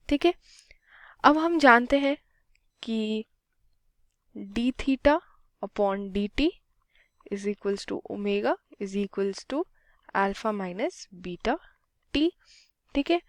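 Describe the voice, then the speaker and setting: Very slow woman tutor. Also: fairly high pitch, no echo. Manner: unhurried, mixes Hindi and English, talks through each step aloud. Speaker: physics tutor. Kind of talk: slow step-by-step problem solving.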